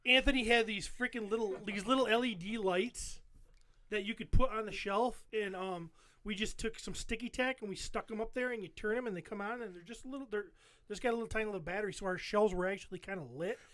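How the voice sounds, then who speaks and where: A man's voice: high-pitched, fast talker, a bit bright, no echo. A man co-hosting a podcast, casually telling a rambling trip story over photos and cursing a lot. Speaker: podcast co-host.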